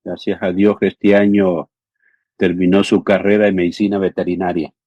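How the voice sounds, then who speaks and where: This is a conversational interview with a Salvadoran pastor in his fifties who coordinates theological education, speaking earnestly and often using fillers such as "¿sí?" and "ujú". His low voice has little pitch movement and moves at normal speed. The recording is dry, with the highs cut off.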